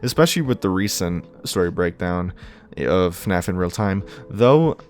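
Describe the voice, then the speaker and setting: A man's voice: deep voice, lively intonation, normal speed, a little mellow, a little hiss or hum. A man who makes gaming videos, talking to his viewers in a casual, reflective, sincere and conversational way. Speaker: gaming YouTuber. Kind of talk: casual reflective thank-you talk to viewers. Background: background music.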